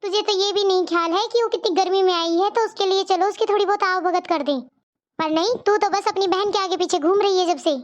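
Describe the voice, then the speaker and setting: A stern middle-aged mother-in-law from a cartoon story, played by a woman, forever nagging her daughter-in-law. Her voice is very high and squeaky, but lower than the others in the cast. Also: steady tone, a little fast, muffled recording. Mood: scolding. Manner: nagging, accusing.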